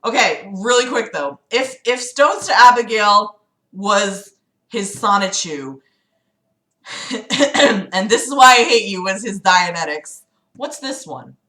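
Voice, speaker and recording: A livestream host with a mid-range voice reads a book aloud to mock it, speaking slowly with long pauses, lively intonation and a sharp edge. Her sarcastic, exasperated remarks to chat include casual swearing, and the sound is reverberant.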